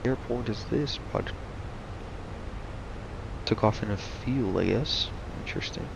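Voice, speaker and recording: This is muffled, noisy stream audio of a young man giving casual commentary while playing a flight simulator. His voice is on the low side, a little slow, with vocal fry. He rambles in a laid-back way and says he's losing his voice.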